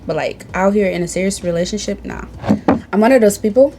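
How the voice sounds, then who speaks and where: The background is noisy as this young Tanzanian beauty vlogger talks fairly quickly in a mid-range voice. She's at home reading from a tablet for a casual sit-down get-to-know-me chat to camera, bold, playful and sassy throughout.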